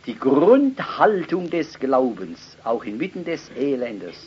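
A man preaching a sermon and reading from the Bible, swinging between loud stresses and soft asides. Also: mid-range voice, sing-song, a little slow, slightly rough. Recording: dull lo-fi recording.

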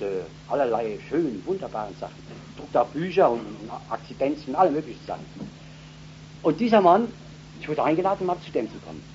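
A man preaching a live revival sermon to a congregation, fervent and repetitive, bursting into loud emphatic peaks. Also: medium pitch. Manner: repeats words and phrases. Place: revival meeting in front of a congregation. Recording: dull old recording with faint hum.

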